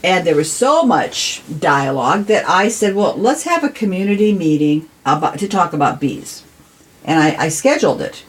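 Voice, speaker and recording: An American woman who serves on a city council appears as a podcast guest, talking conversationally with earnest emphasis and repeating words for stress. Her voice is lowish and animated, at a moderate pace.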